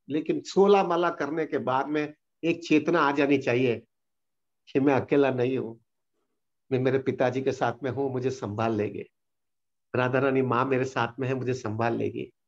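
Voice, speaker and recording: A man answering devotional questions on a video call, earnest, mixing Hindi with English phrases and slowing down to stress points. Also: medium pitch, lo-fi sound. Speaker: spiritual teacher answering questions. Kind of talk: devotional Q&A session.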